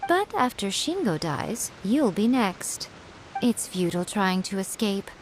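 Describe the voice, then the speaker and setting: A woman voicing a sly fox-spirit shrine priestess in a video game, with a silky, mocking, unhurried delivery. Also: mid-range voice, very animated, a little hiss or hum, low-quality recording. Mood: cold.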